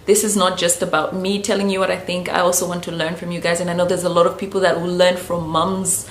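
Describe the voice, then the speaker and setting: A woman's voice: fairly low pitch, level tone, quick pace, a little hiss or hum. A woman from Zambia, giving casual hair-care advice to camera in a chatty, loose way, often saying "you know". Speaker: natural hair vlogger. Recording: echoey room, faint background ambience.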